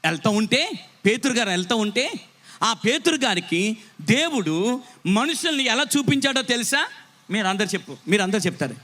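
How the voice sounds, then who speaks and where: A man's voice: sits high, sing-song, normal speed, pauses often, sharp tone. A man with a Telugu accent, preaching a sermon at an evening gospel meeting, emphatic and often calling on the crowd to respond. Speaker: pastor.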